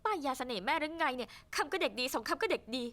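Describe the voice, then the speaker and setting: An actress dubbing a clever, sharp-tongued young woman with brisk retorts for a TV drama. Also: high voice, lively intonation.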